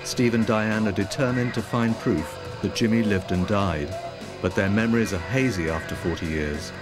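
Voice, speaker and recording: A man giving measured, scripted documentary narration. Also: fairly low pitch. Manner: measured, even reading. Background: music.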